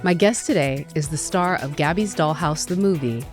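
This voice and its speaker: A woman's voice: deep voice, normal speed, over music. A woman hosting an interview show, asking polished, enthusiastic questions. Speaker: host.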